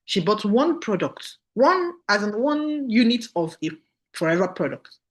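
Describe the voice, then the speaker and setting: Nigerian woman trainer, very animated delivery, emphatic, repeats points for the room. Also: medium pitch, a little slow. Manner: emphatic, repeats key phrases, asks listeners for agreement. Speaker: business trainer. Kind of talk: motivational training talk.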